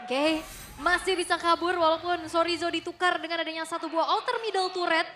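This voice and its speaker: A woman working as an esports caster, giving animated commentary and analysis of a game match. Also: very high voice, fairly quick, a little hiss or hum. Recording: music behind the voice. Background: music.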